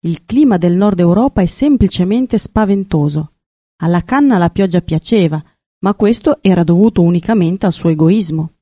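Low mellow woman reading a story. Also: no room sound, studio quality. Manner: calm, measured reading. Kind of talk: scripted storybook narration.

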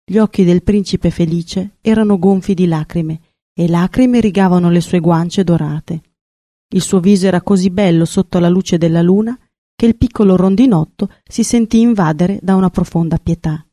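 A woman narrating a fairy tale in a calm, measured storybook reading. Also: lowish voice, no echo, clean studio sound.

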